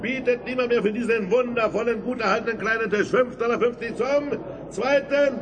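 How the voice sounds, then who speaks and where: A man's voice: very high-pitched, a little fast, background noise. A man playing a jolly, theatrical auctioneer in an audio drama, coaxing bidders with showy calling patter. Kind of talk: German audio drama acting. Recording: crowd murmur behind the voice.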